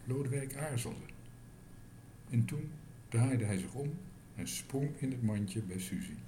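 A man reading a children's story aloud as narrator, in an expressive storytelling manner. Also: mid-range voice, a little hiss or hum.

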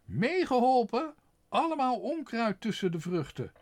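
A man reading a storybook aloud, voicing a shrill, snobbish lady of the house who scolds in a high, piercing voice. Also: sing-song, unhurried, darkish tone, no echo. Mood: outraged. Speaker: employer of the cook.

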